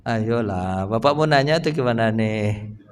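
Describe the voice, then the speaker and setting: A man's voice: medium pitch, expressive, measured pace. A male Islamic preacher giving a casual morning study talk in a mosque, who keeps asking his congregation questions. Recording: echoey mosque hall with long reverb.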